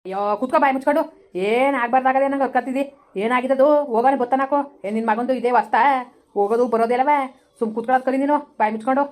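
A woman's voice: on the high side, fairly even intonation, rapid-fire, a little mellow, lightly acted. A woman playing a blunt village woman who scolds in a rural Kannada dialect, in a comedy skit. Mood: scolding.

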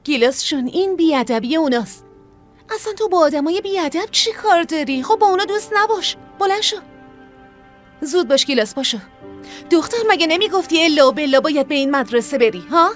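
High-voiced big sister, pushy but caring, dubbed tv drama, faint music. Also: female voice, animated. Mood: urging. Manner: pleading then scolding, earnest. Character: young woman raising her siblings, caring but firm. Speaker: older sister. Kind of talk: Persian dub of a TV drama.

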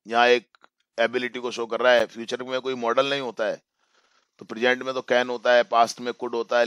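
Man teaching a story lesson, crisp voice. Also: mid-range voice, fairly bright tone, no echo, studio quality. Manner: explains line by line, reads English slowly and then paraphrases; repeats phrases for emphasis. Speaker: English teacher. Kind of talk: bilingual classroom lesson explaining a story.

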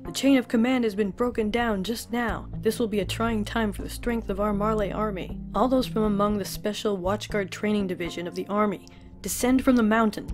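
A woman reading out the lines of a stern male army commander who barks orders, her voice a little higher and firmer than usual. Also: a little mellow, lightly acted. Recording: her own background music playing.

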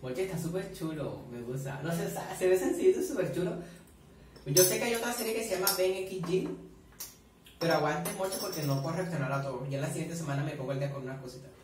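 A man's voice: fairly high pitch, quick pace, background noise. Chatty guy in an echoey room. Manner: chatty and expressive, swears a lot, eats while talking. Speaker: reaction vlogger. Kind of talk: casual reaction commentary. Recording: very echoey room, far from the mic.

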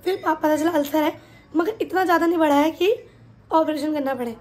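A woman's voice: high-pitched, a little fast. A woman vlogger in a home kitchen, telling a family story casually and acting out what people said. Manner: animated, retells events with quoted dialogue.

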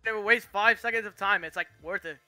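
A young man commentating his speedrun race as he plays, with excited bursts of cheering. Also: high-pitched, fast talker, dry recording, faint music behind. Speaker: speedrunning gamer.

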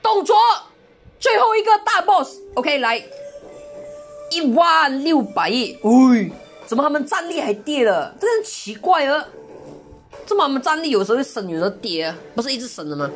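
Woman, excitable game commentary, frequent exclamations, slightly high voice, faint music behind. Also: moderate pace. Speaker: game streamer. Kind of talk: live gameplay commentary.

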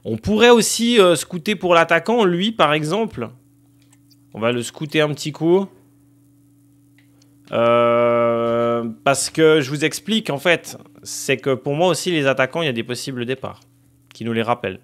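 A man's voice: a little high, animated, moderate pace. Chatty man commenting on his game. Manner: chatty, thinks aloud with many fillers, talks to viewers as "les gars". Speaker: gaming streamer.

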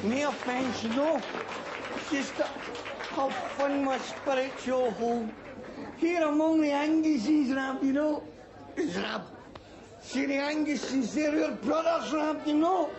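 Shrill, slow, slurring drunk; effusive, echoey bar with loud music and crowd. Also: male voice, full character voice. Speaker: sitcom supporting character. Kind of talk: television sitcom acting.

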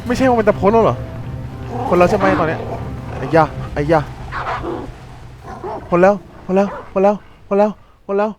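A man hosting a let's play, talking excitably over the game and yelping and swearing when things get tense. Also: high-pitched, moderate pace, pauses often, music in the background. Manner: excitable, yelps and swears in panic. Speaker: gaming channel host.

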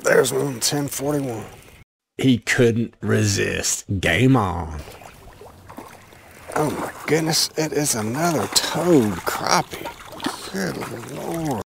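Out on a small open boat on a lake, a middle-aged fishing vlogger gives enthusiastic, folksy running commentary in a casual way. His medium-pitched voice is lively in intonation and slow in pace, and wind and boat noise come through clearly.

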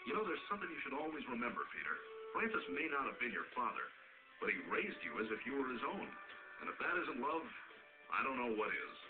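A man voicing a dry, sensible talking dog in an animated comedy, wry and matter-of-fact, with an American accent. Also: medium pitch, fast talker, natural voice. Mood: sincere. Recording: tinny TV audio re-recorded, music behind.

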